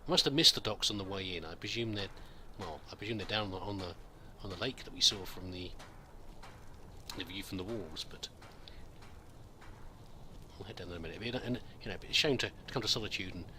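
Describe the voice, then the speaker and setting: A man's voice: low voice, brisk, pauses often, bright, forceful tone, a little hiss or hum. A man giving casual, rambling game commentary, musing aloud hesitantly and politely as he plays. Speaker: gamer narrating a roleplay playthrough.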